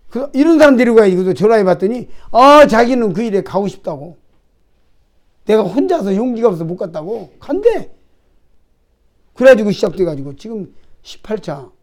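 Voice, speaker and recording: Male pastor, high-pitched voice, conversational sermon delivery with rhetorical questions. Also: a little mellow. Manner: conversational preaching, frequent rhetorical questions to the congregation; acts out prayers and imagined dialogue with God.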